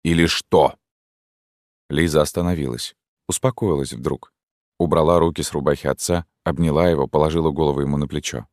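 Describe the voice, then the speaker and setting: A man narrating an audiobook in a steady, measured way. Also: extremely low pitch, dry recording, clean studio sound.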